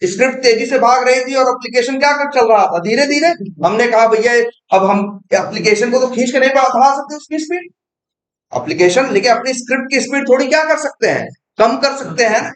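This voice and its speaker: A man with a very high voice walks through a coding lesson, tossing out questions and answering them himself. He speaks in a roomy space with a clear echo around him. Casual and teacherly. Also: lively intonation, fairly quick, few pauses, fairly bright tone. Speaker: programming teacher.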